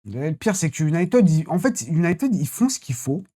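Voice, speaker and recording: A football channel host giving a casual, rambling live debrief after a match, blunt and quick to swear. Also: mid-range voice, big pitch swings, dark tone, breathy edge.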